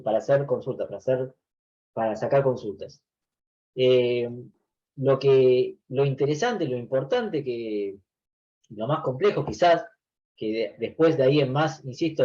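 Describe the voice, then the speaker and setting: A man's voice: mid-range voice, mellow, dull audio. A man teaching a university class over a video call. He explains patiently, restarting phrases and often saying "eh". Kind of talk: online class lecture.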